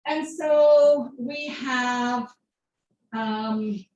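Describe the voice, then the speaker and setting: A woman's voice: high-pitched, very slow, a little mellow, lo-fi sound, a little hiss or hum. Woman, nursing instructor, casual lecture style, fillers and asides, roomy distant classroom recording. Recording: roomy classroom audio from far off.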